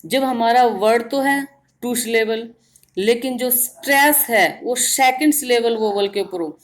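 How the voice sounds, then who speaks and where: A woman teaching grammar in Hindi, explaining step by step and repeating words slowly to show their stress. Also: a little high. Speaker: English teacher. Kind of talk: grammar lesson in Hindi with English terms.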